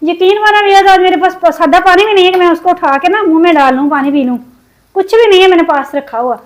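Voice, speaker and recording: A woman from Pakistan chatting in a cooking vlog, upset and venting, her throat sore from shouting. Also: extremely high pitch, fast, poor audio. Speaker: cooking vlogger. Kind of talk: casual cooking vlog chat.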